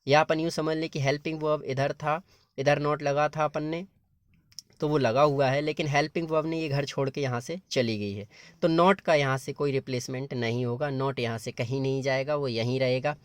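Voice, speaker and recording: A man's voice: fairly high pitch, steady tone, normal speed, dry recording. A male teacher explaining grammar patiently, step by step, in a classroom-lesson style. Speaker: English teacher.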